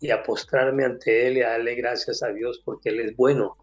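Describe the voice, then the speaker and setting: A man's voice: mid-range voice, fairly even intonation, normal speed, muffled recording, soft background music. An older man with a Colombian accent, giving an emotional personal faith testimony and acting out the people in his story.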